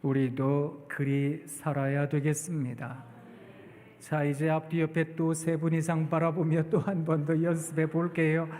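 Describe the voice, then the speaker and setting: A man preaching a storytelling sermon at a church, acting out the people in his stories with lively exclamations. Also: a little high, measured pace. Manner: animated, acts out quotes with exclamations. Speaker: guest preacher, professor. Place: church sanctuary. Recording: long church hall reverb.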